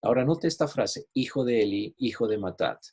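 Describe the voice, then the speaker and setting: A man's voice: mid-range voice, lively intonation, fairly quick, a little mellow, breathy edge. A man giving a Bible study lesson, explaining patiently and often checking in with his listeners. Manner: explanatory, repeats "¿ok?" to check understanding; shares screen while teaching, online class. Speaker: Bible teacher.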